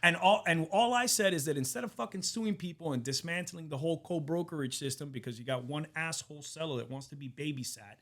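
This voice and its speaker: A man with a somewhat high voice co-hosting a casual podcast. He tells stories animatedly, swears freely and peppers his talk with "okay?" and "you know". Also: fast, hardly any pauses. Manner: animated storyteller who swears a lot. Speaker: podcast co-host. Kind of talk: casual podcast chat and anecdote.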